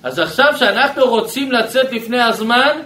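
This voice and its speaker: A man teaching a Torah lesson as a rabbi, animated and asking his listeners questions. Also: extremely high pitch, reverberant, rough recording.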